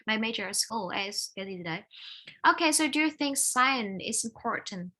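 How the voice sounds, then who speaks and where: A woman with a Vietnamese accent runs an English speaking lesson over a video call. Her bright, fairly high voice moves briskly between questions and pronunciation corrections. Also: animated, low-quality recording.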